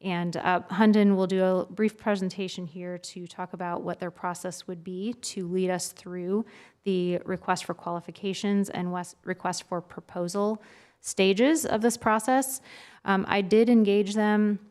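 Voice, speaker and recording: A woman giving a formal presentation at a meeting as a staff member, measured and matter-of-fact. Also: medium pitch, steady tone, a little mellow.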